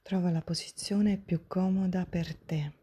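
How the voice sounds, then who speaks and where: A woman softly whispering a guided breathing meditation, gentle and soothing, step by step with long pauses, in a breathy, hushed spa-like voice. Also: fairly low pitch, fairly even intonation. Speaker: guided breathing and relaxation instructor.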